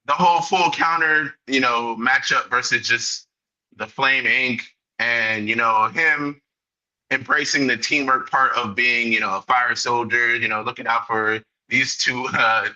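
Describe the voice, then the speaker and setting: A man's voice: medium pitch, steady tone, unhurried, pushed and bright. A man co-hosting a podcast, rambling easily through anime talk. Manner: easygoing, rambling with "you know" fillers. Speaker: podcast co-host. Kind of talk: casual anime chat. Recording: dull lo-fi mic.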